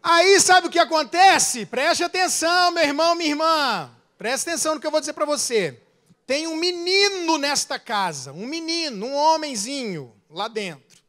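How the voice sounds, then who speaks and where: A man with a Brazilian accent, a pastor preaching a sermon with animated delivery, swelling loud then dropping into quick asides. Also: very high-pitched.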